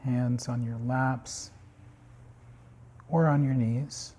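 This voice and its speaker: A meditation guide with a medium-pitched, slightly husky voice leads a body scan meditation. He speaks in calm, unhurried short phrases separated by long pauses.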